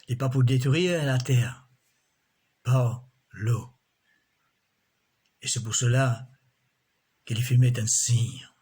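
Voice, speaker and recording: A man preaching a sermon in a slow, measured way, often breaking in with alleluias. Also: medium pitch, breathy edge.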